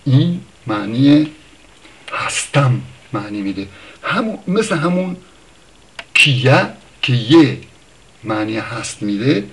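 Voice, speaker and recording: A man giving an informal spoken lesson on word origins. He thinks aloud, pauses often, corrects himself, and lifts his voice for examples. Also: medium pitch, sing-song, a bit bright. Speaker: language teacher.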